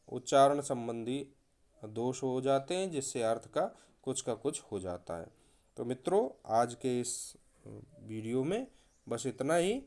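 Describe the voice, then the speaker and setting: A man's voice: medium pitch, a little mellow. A man teaching a recorded video lesson, explaining with spoken examples and stressing words to show their meaning.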